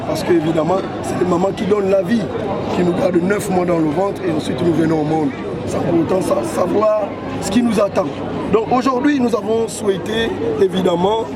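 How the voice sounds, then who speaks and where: A man in his thirties from Gabon, president of an association, answering interview questions in a measured way with stock phrases. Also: sits high. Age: 30s. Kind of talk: outdoor event interview. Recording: loud crowd around. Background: loud crowd.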